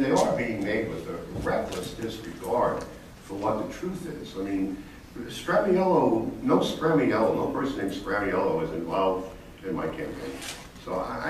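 A man serving as town supervisor, answering a resident at a public meeting in a defensive, lawyerly way and repeating his denials. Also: on the low side. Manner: defensive, lawyerly, repeats himself while rebutting. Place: large echoey public meeting hall. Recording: echoey hall, distant mic, audible room noise.

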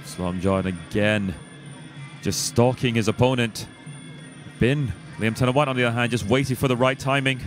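A man's voice: mid-range voice, moderate pace, music in the background. A man giving live sports commentary as a fight commentator.

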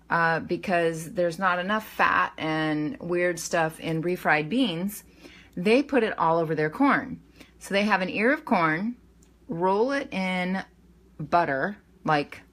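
A woman's voice: lowish voice, fairly bright tone. A middle-aged woman casually talking through her packed meals at a kitchen counter, rambling with fillers and self-corrections. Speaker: weight-loss vlogger. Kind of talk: casual meal-prep walkthrough. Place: home kitchen counter, indoors.

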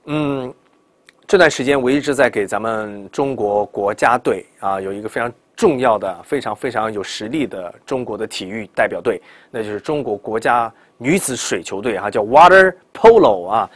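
Lively male pronunciation teacher. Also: medium pitch, dry recording. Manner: animated, demonstrates words slowly and repeatedly, asks rhetorical questions. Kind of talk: classroom lecture.

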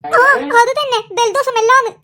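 A performer voicing squabbling cartoon kids and their mother, bickering in a squeaky, sped-up comic style. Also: normal speed, sharp tone. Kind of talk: cartoon character voices.

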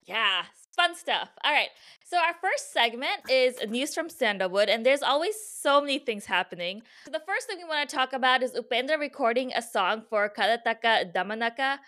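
A young woman raised overseas co-hosts a casual podcast, laughing easily and jumping in with quick reactions. Her voice sits high with a sharp, bright edge. She chats loosely and playfully. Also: animated. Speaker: podcast co-host. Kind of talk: casual chat.

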